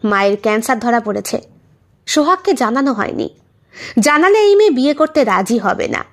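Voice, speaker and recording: A woman narrating an audio story in a steady, clear manner. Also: a little high, fairly quick.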